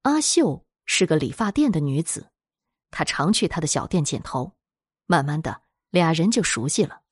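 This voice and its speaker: A woman narrating a scripted horror story in a dramatic, expressive storytelling manner. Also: deep voice, normal speed, husky, dry recording, clean studio sound.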